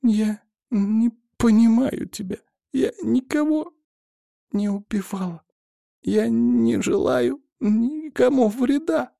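A man's voice: very high-pitched, slow pace, creaky, warm tone, dry recording, studio quality, pitched above the performer's own voice, exaggerated voice. A man voicing a frightened young female alien who pleads faintly while choking. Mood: pleading.

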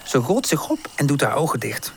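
A woman reading a children's storybook aloud with gentle, expressive narration. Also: deep voice, fairly quick, breathy edge. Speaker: audiobook narrator.

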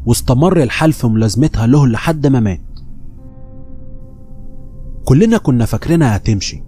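A man with an Egyptian accent reading horror stories aloud, telling them at a steady pace and voicing the people he quotes. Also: mid-range voice, fairly quick, faint music behind. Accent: Egyptian Arabic. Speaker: horror story narrator. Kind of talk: scripted horror story narration.

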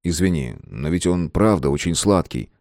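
A man's voice: deep voice, lively intonation, moderate pace, a little mellow, no echo. A man reading an audiobook voices a wry, joking young husband close to his own voice. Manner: joking, easygoing. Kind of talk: audiobook character voice.

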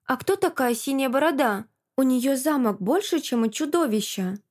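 A woman voices an excitable little girl, pitched high and bright, bubbling over with eager questions in a storybook reading. She talks breathlessly and slides into whining pleas. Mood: excited. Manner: breathless, pleading, quick to whine.

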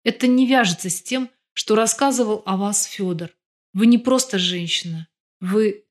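Bitter, blunt man on the phone who snaps, voiced by a woman narrator, mid-pitched, for an audiobook. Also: moderate pace, close to an everyday voice. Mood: apologetic. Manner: angry outbursts, then quiet apology. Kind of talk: audiobook reading.

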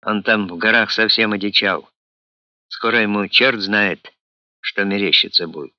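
A man's voice: on the low side, moderate pace, dry recording, muffled recording, natural voice. A man voicing a middle-aged professor and doctor with a wry, teasing, mildly scolding manner.

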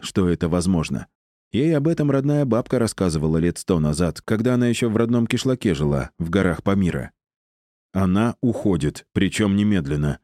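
A male audiobook narrator with a deep, dark voice. He reads in a measured, even way. The sound is dry and close. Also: no echo. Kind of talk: scripted narration.

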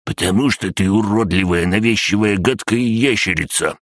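A man's voice: very deep voice, fairly even intonation, very slow, pushed and bright, no room sound, clean studio sound, full character voice. A man voicing a grumpy male crab-gnome with broken grammar in an audiobook, growling and snappish. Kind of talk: audiobook character voice.

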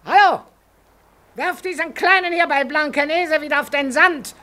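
Coarse old river spirit, dragging slow delivery, mocking, 1940s radio play. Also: female voice, lively intonation, a bit bright. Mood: gruff scolding. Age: older. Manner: blunt, coarse, mocking, lowers to a murmur. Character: the river as a gruff old woman. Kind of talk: 1940s radio drama acting.

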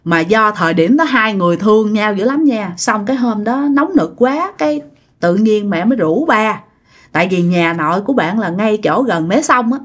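A woman with a Southern Vietnamese accent narrating a spooky family tale. She speaks in a chatty, conversational way and turns to address her listeners directly, in a voice of ordinary pitch. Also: lively intonation, normal speed. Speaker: storyteller. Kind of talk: spoken ghost story narration.

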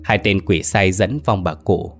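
Low-voiced man telling a horror story. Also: a little slow, faint music behind.

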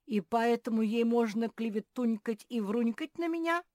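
A woman's voice: mid-range voice, animated, measured pace, a little mellow, no echo, clean studio sound, natural voice. A woman voicing a cheeky, boastful little boy bear cub, whining and easily muddled, in a storybook reading. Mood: indignant.

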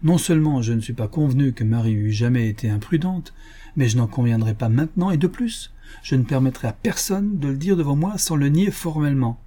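A man's voice: mid-range voice, brisk, mellow, lightly acted. A man voicing a stubborn, principled older country doctor who speaks in a firm, indignant, emphatic way, in an audiobook.

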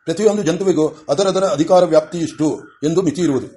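A man voicing a calm male spokesman of the ancestral spirits, in a measured, formal audiobook reading. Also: fairly high pitch, close to an everyday voice.

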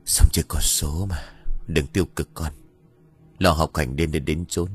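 Gruff old father voiced by a man, very deep, husky, weary scolding. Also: steady tone, measured pace, faint music behind, heavily acted. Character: grieving older father, gruff yet tender.

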